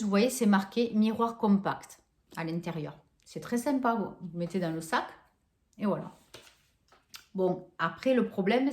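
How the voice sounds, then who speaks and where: A woman's voice: medium pitch, a little mellow. Chatty woman in an echoey room. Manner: chatty, hesitant, many fillers and restarts; gushes over scents. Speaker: vlogger showing a shopping haul. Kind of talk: casual haul vlog chat.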